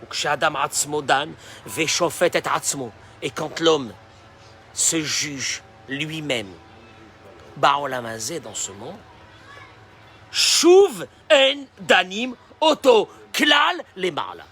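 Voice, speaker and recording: A man preaching a sermon as a rabbi, dropping in Hebrew phrases and swinging from quiet talk to shouting. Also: mid-range voice, lively intonation, slow pace. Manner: mixes Hebrew phrases into his speech.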